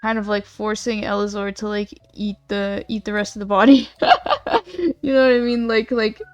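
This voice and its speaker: A woman's voice: medium pitch, little pitch movement, normal speed, faint music behind. A young woman co-writing a game, chatting and laughing easily on a livestream. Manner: laughing, upbeat. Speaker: co-writer guest. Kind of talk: casual chat on a livestream.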